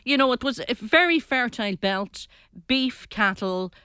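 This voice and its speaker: A woman's voice: a little high, expressive, a little slow, pushed and bright, clear, resonant tone, no room sound, studio quality. An older woman with a north-west of Ireland Donegal accent, reminiscing in a chatty, discursive, conversational way. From East Donegal, Ireland. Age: 60s or older. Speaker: interview guest.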